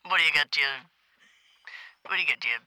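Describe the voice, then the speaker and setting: A man's voice: fairly high pitch, a little fast, sharp tone, no room sound. A man playing a pompous, aggrieved theater fixer. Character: pushy older male theater-owner fixer, indignant. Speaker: comedy phone caller. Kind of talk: improvised comedy call-in.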